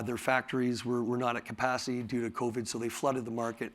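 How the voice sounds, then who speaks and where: A tired, raspy-voiced man, his pitch mid-range after talking all day, pitches his company at a conference. Speaking in a conference hall, he stumbles along with many fillers and restarted sentences.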